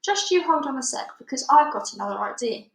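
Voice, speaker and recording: Woman playing a high, emphatic, spirited little girl. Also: animated, a little fast, vocal fry, roomy sound. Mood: excited, eager. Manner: emphatic, exclamatory. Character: spirited, indignant, determined young orphan girl.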